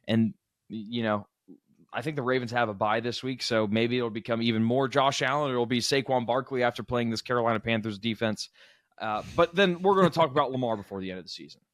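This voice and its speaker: A young man co-hosting a casual sports podcast, animated and quick to laugh, often breaking off mid-sentence. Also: mid-range voice, no echo, studio quality. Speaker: podcast co-host.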